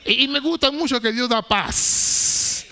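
A man preaching a sermon, emphatic, swinging between loud declarations and hushed low phrases, with repetitive stammering restarts. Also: slow pace.

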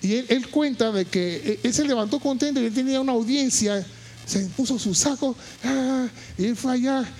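A man preaching a sermon, moving from quiet storytelling to shouted, impassioned high points and repeating phrases for emphasis. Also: normal speed, slight background noise. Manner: repeats words and phrases while telling a story.

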